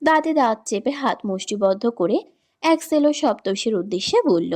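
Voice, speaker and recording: A woman reading a romance story in scripted narration, with steady, even storytelling. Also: mid-range voice, brisk.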